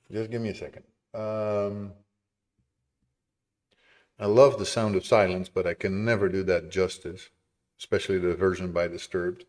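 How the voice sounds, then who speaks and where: A man's voice: low voice, a little mellow. A man chatting casually with his live-stream viewers in a chatty, apologetic, easily amused way. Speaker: game dev streamer.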